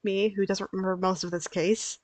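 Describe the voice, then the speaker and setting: A woman's voice: mid-range voice, flat delivery, brisk, a little mellow, slight background noise. A woman gamer giving casual, candid, joking commentary as she reads through a story game.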